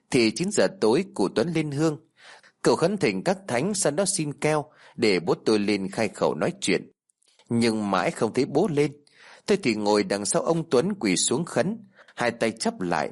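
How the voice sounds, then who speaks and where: A man's voice: medium pitch, husky. A man narrating a horror story and voicing its characters. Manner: animated storytelling with voiced characters.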